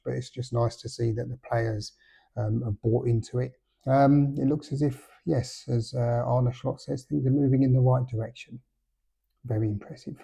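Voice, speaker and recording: A middle-aged man hosts a casual solo football podcast in a gravelly, husky, mid-range voice with a dark tone. He sounds hesitant, leaning on lots of fillers and making dry, understated remarks.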